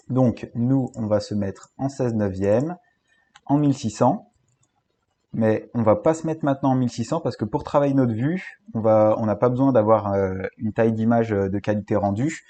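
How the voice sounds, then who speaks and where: Speaking with a French accent, a man walks through a screen-recorded software tutorial. His voice sits lowish, and he talks hesitantly, often using fillers and restarting his sentences.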